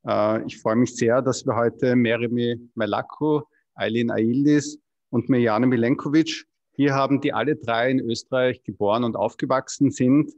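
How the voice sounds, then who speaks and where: A man's voice: medium pitch, no echo, dull audio. A man moderating a press conference, politely introducing the speakers in a formal manner.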